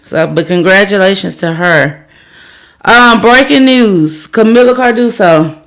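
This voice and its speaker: A woman's voice: mid-range voice, lively intonation, a little slow, fairly bright tone. A middle-aged woman co-hosting a sports podcast, chatting casually and reading out news items with frequent "um"s. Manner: reads headlines with fillers like "um". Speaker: podcast co-host.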